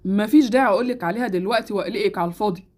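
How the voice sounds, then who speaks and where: A woman voicing a calm, reassuring male doctor with an Egyptian accent in a Roblox series. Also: medium pitch, close to an everyday voice. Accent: Egyptian Arabic. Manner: measured, reassuring.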